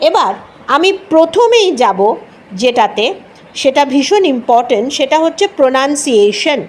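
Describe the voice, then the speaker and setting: A woman's voice: high voice, big pitch swings, moderate pace. A woman with a Bengali accent teaching an English word, patiently repeating each sound and mixing English into her Bengali. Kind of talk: explanatory lesson.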